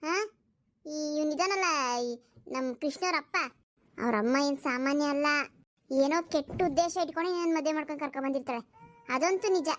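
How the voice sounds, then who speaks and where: A woman's voice: sits high, a little fast, long pauses, lightly acted. A woman voicing blunt village women who scold the stepmother on their friend's behalf. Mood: sympathetic. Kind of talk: cartoon voice acting.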